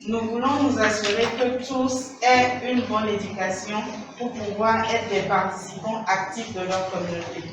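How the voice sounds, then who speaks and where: Male interpreter, high-pitched voice, formal relayed phrases, noisy reverberant recording. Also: fairly even intonation, moderate pace, hardly any pauses. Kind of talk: consecutive interpreting of a speech. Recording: echoey, distant, noisy hall recording.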